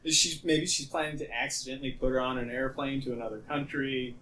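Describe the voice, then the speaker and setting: A man's voice: mid-range voice, steady tone, fast, pushed and bright. Man trading dry asides on a podcast. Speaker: podcast co-host. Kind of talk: casual chat.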